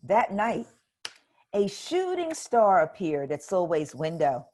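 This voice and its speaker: Slow, gentle woman reading a storybook. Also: lowish voice, sing-song. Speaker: storybook reader. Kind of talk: children's picture book read-aloud.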